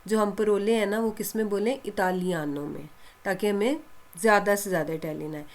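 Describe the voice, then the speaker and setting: A woman's voice: medium pitch, a little fast. Woman teacher, patient voice-over lesson, drills by asking and answering her own questions, reassuring. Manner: asks questions and answers them herself, repeats to drill; reassuring, encouraging. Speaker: language teacher.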